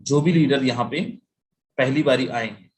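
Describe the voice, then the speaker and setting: Male webinar presenter, mid-pitched, punchy rhetorical sales delivery, mixes English into his talk. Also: a little slow. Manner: emphatic, rhetorical questions, mixes English phrases; repeats "my friend" often.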